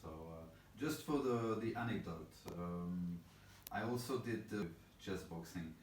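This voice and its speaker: A low-voiced man from England talks through his answers in a loose, rambling way, full of fillers and modest asides. He sounds set back from the mic in a roomy space with a faint hum of noise behind him. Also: a little slow, recorded from a distance. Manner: rambling and thoughtful, many fillers, self-deprecating. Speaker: interview guest, chess boxer. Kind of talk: casual interview answers.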